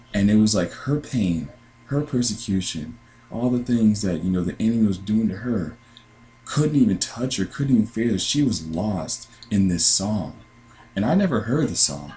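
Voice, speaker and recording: Low-voiced young American man recounting a dream. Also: darkish tone, poor audio. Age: 20s. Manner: earnest, halting, with many restarts. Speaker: dream sharer. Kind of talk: personal testimony.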